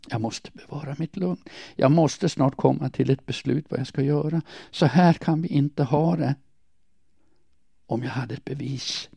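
A man reading a first-person diary aloud in a quiet, measured, somber way. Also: mid-range voice, creaky, breathy edge, dry recording, studio quality. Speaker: audiobook narrator.

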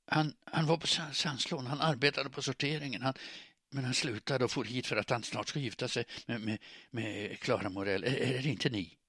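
A man reading an audiobook, voicing a hoarse, frantic young woman who stammers and rushes her words. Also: medium pitch, sharp tone, no room sound, studio quality, voice pushed up, exaggerated voice. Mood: urgent, flustered. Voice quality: hoarse, strained.

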